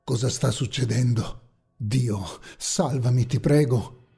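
A man plays a terrified young man in a horror audio story, pleading and stammering in a husky, mellow voice. Faint dark ambient music sits under him. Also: fairly high pitch, slow. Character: terrified young man praying for his life.

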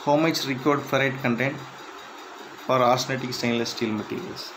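A man reading interview questions and answers aloud in a plain, measured way, with slightly halting phrasing. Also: medium pitch, steady tone, background noise. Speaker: instructor.

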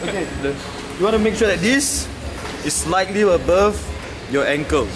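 A man's voice: sits high, lively intonation, moderate pace. A young man casually demonstrating a workout as a gym trainer. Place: indoor gym. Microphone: handheld camera at a short distance. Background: loud music.

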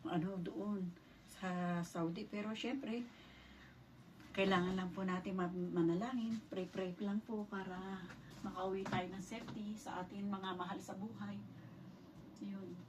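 A middle-aged woman from the Philippines tells a personal story in her vlog, polite and acting out the dialogue as she goes, picked up on a distant mic with faint noise. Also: mid-range voice. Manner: polite, retells events with quoted dialogue. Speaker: vlogger.

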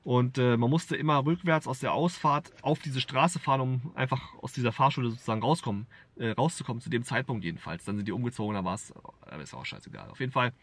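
A man tells a personal story straight to the camera in a loose, rambling way, full of fillers and casual swearing. His pitch sits in an ordinary middle range, and the recording is dry, with no room sound. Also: fast talker, no echo. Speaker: vlogger. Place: Berlin.

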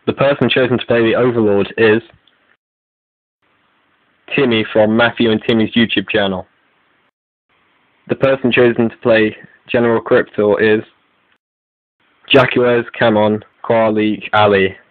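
Reading out scripted announcements for an online video update, the male host speaks in a voice on the low side, steady and a little slow, with long pauses. There's no echo, and the audio is narrow, lo-fi and phone-like.

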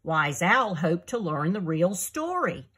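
A woman reads her own children's story aloud in an expressive storyteller manner. Her pace is slow and her voice a little breathy. Her pitch moves in lively rises and falls. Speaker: author reading her book.

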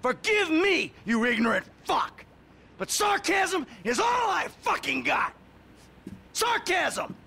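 An actor playing a sarcastic, exasperated middle-aged retired crook who curses a lot, in a video game cutscene. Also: male voice, high voice, big pitch swings, normal speed, a bit bright, full character voice. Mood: ranting. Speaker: retired criminal character.

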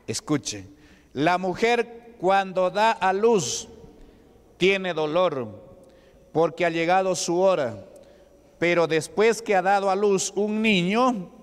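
Brief: male pastor, slow and resonant, quizzes his flock, long church reverb. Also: high-pitched, lively intonation, clear, resonant tone. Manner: asks the congregation rhetorical questions. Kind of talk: Pentecostal sermon. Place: church hall.

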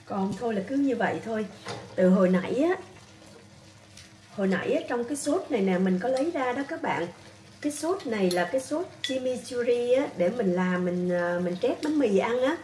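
A woman with a Southern Vietnamese accent chatting casually in a home cooking vlog, coaxing her dog in soft tones. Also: fairly high pitch, lively intonation, moderate pace, roomy sound, distant mic, slight background noise. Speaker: vlogger.

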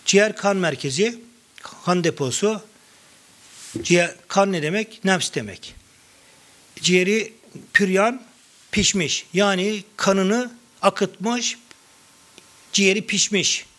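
Man, middle-aged, lecturing on mysticism, storytelling, quoting verses, somewhat high-pitched. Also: takes it slowly, long pauses, a bit bright. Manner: storytelling, quoting verses and anecdotes, conversational asides. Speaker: lecturer on Sufi poetry. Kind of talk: public talk on mysticism.

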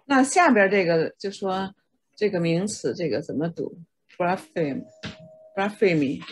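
Woman student, low husky voice. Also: expressive, unhurried. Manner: repeats words carefully, asks short questions. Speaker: adult English student. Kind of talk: one-on-one pronunciation lesson.

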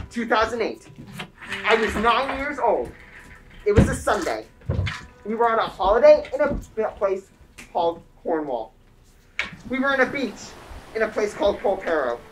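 A young woman acting a literal-minded teenage boy on stage, speaking flatly and matter-of-factly. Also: mid-range voice, noisy background, close to an everyday voice. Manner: flat, literal, matter-of-fact.

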